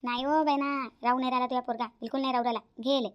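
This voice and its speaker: A woman's voice: high voice, steady tone, very fast, smooth, highs cut off, natural voice. A woman voicing a bossy, grumbling older village mother-in-law in a cartoon, speaking shrilly. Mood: scolding. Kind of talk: cartoon voice acting.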